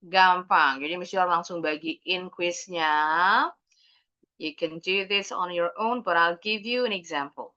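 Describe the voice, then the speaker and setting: A woman's voice: fairly low pitch, a little slow, bright, forceful tone, muffled recording. An Indonesian woman teaching an English class, explaining patiently and mixing English words into her talk.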